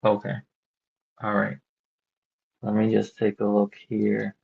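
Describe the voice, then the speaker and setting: A man cold-calling a homeowner about buying her house, talking casually and haltingly with lots of fillers and restarts, heard over a phone line. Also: on the low side, monotone, gravelly, breathy edge. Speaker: real estate wholesaler cold-calling a seller. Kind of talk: casual sales phone call. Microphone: phone call. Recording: dull lo-fi call recording.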